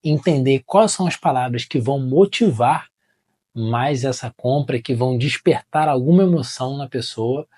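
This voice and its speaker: A man with a Brazilian accent explaining marketing in a casual talk to camera, chatty and often ending phrases with quick tag questions. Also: medium pitch, darkish tone. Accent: Brazilian Portuguese. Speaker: marketing educator.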